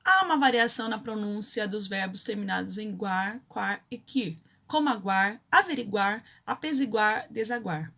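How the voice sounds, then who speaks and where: A woman's voice: medium pitch, expressive, moderate pace, creaky, few pauses, sharp tone. A Brazilian woman teaching a grammar lesson, explaining rules step by step and often checking in with her students. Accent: Brazilian Portuguese.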